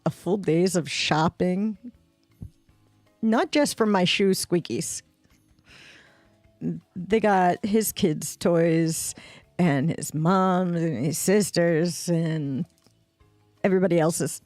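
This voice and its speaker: A woman streamer telling a story slowly and casually, with laughs and imitated squeak sounds, from home at a desk mic. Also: darkish tone, no room sound, faint music behind.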